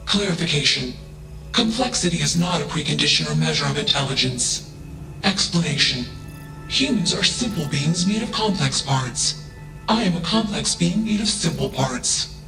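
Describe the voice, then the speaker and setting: A man voicing a cold, logical male AI robot in a video game, speaking in a flat, emotionless way and tagging each statement with a one-word label. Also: fairly high pitch, moderate pace, gravelly, music in the background, rough recording. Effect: flat emotionless machine voice.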